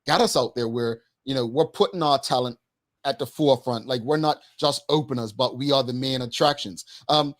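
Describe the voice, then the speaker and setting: A man with a mid-pitched voice hosts a relaxed, chatty interview. He moves in stops and starts, repeating words for emphasis on the way to his questions. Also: normal speed. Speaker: talk show host. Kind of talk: casual interview banter.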